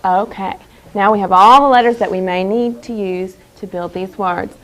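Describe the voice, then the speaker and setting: A woman teaching young children in a classroom, speaking in a deliberate, carefully enunciated, instructive way and repeating key phrases. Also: mid-range voice, a crowd in the background, low-quality recording. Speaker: elementary school teacher. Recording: clear background noise in a classroom.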